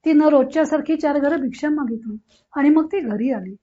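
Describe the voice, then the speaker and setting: A woman reads a literary novel aloud in a measured, expressive way. Her voice sits high. The recording sounds dull and lo-fi. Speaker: audiobook reader.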